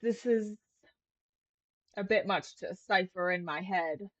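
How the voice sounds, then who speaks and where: A woman voicing a weary old woman with faint magical powers, speaking slowly and haltingly. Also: medium pitch, dry recording, dull audio. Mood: weary, smug.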